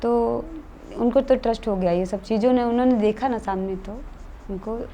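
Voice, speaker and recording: A woman recounts something that happened to her for an interviewer, chatting in an earnest, matter-of-fact way as a guest. She speaks at a moderate pace in a slightly high, warm voice, with a little hiss or hum.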